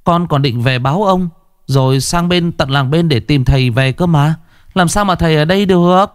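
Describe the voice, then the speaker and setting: A man's voice: on the low side, slow pace, no room sound, studio quality. A man voicing a timid young male servant who stammers and pleads nervously to his master. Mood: anxious.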